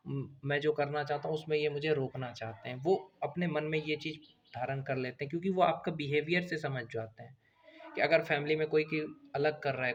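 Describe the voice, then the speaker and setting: A man's voice: a little high, highs cut off. A man giving earnest, preachy advice in a monologue and repeating phrases for emphasis. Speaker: motivational video speaker.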